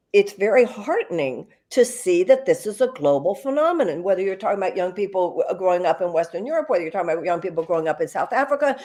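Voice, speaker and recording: Speaking as a panel guest on a video call, an older American woman sounds thoughtful and sincere. Her medium-pitched voice is slightly mellow, and she often hesitates with fillers and restarts her sentences.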